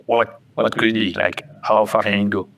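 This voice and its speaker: A man's voice: on the low side, steady tone, moderate pace, creaky, fairly bright tone, slight background noise. A man, a game designer guest on a casual interview, giving brief, friendly replies. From France.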